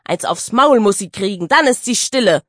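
A woman voicing a hot-tempered teenage boy who grumbles and protests loudly. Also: medium pitch, lively intonation, moderate pace, no echo, clean studio sound. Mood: angry. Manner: loud, angry, grumbling.

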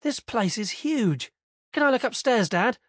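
A man's voice: high-pitched, sing-song, drawn-out words, pushed and bright, slightly rough, no room sound, clean studio sound, voice pushed up, heavily acted. A man reading an audiobook, voicing a moody fifteen-year-old boy who speaks curtly and eagerly. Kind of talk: audiobook character voice.

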